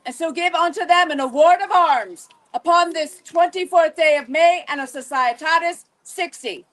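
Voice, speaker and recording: In a rough recording, a woman with a very high voice plays herald at a medieval reenactment court. At a moderate pace she loudly proclaims ceremonial announcements in stately, archaic renaissance fair language.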